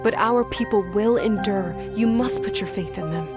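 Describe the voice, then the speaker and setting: A woman voicing a solemn, mystical wandering storyteller who speaks in grandiose, archaic phrases with breathy whispers. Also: mid-range voice, moderate pace, natural voice. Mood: solemn, foreboding. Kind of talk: theatrical fable narration. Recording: very loud music behind the voice.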